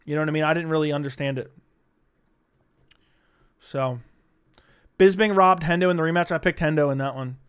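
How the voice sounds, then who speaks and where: A man's voice: a little high, brisk, pauses often, clear, resonant tone. A young man hosting a casual livestream, rambling and swearing freely as he answers questions from the chat. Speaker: livestream host.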